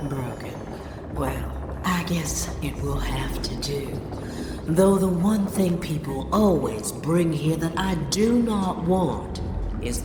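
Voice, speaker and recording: An actress playing a seductive, teasing hostess in a video game, with a breathy, drawn-out delivery. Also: female voice, sits low. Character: sultry, teasing adult hostess of a decadent party hall. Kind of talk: video game character acting. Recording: echoey hall with loud background noise.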